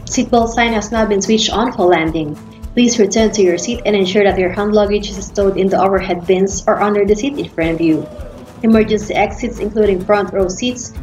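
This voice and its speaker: A woman's voice: mid-range voice, a little mellow. Woman, Filipino accent, flight attendant PA delivery, formal and polite, roomy echo, music behind. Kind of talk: flight attendant PA announcements, read aloud. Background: faint to clear music.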